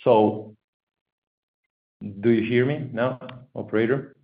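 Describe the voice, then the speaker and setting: A man presenting company results over a conference call line that keeps cutting out, talking in a halting way and often repeating his words. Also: medium pitch, steady tone. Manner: halting, stumbling delivery with many repeated words. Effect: heard over a conference call line that keeps cutting out. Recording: echoey, tinny phone-like call line.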